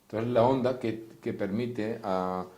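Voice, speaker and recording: A therapist teaches an informal, didactic class, explaining things step by step and speaking directly to his listeners. His voice is fairly low and darkish, his pace unhurried, and the room is echoey.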